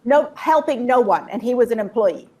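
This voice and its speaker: A woman telling a personal story in short, vivid bursts and pausing for an interpreter. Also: on the high side, lively intonation, mellow. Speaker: guest speaker. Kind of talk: personal testimony with live interpreter.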